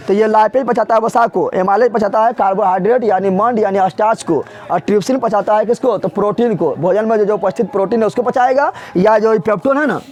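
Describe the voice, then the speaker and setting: A male teacher lectures a classroom at a quick clip, his voice pitched high. He keeps firing questions at the students and hammering the answers home again and again, in a plain, everyday way of talking. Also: darkish tone. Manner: repeats questions and answers over and over to drill students; colloquial, with regional Bihari turns of phrase. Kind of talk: classroom lecture with call-and-response drilling. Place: classroom with a board.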